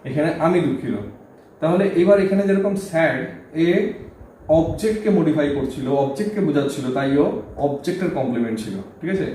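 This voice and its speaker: Speaking Bengali, a man gives a board lesson on English grammar, breaking it down step by step and checking in with "okay?" again and again. His voice is mellow and fairly high-pitched, captured in a very echoey room with a slight hum behind it.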